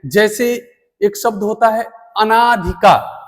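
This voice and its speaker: A man teaching a spelling lesson at a board, speaking deliberately and repeating words for emphasis. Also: high-pitched, lively intonation. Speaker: Hindi teacher. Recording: long room reverb.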